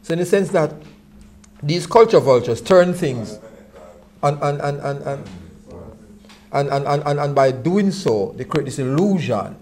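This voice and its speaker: A man's voice: fairly high pitch, expressive, unhurried, pauses often, a little mellow. A man in casual Rastafari reasoning, using Rasta speech and repeating small words before landing each point. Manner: stammering repetition of words before making a point.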